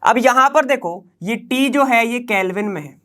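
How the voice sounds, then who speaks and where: A man with a very high, pushed and bright voice gives an exam-prep chemistry lecture at a moderate pace. Talking casually, he mixes in English science terms and peppers his speech with rhetorical questions and "okay?" checks to make sure students follow.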